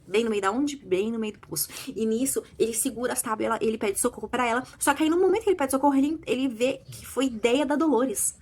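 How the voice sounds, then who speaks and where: A woman with a Brazilian Portuguese accent gives a casual, spoiler-filled book review. She retells the plot breathlessly and excitedly, with sudden outbursts. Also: fairly high pitch, fast talker, hardly any pauses.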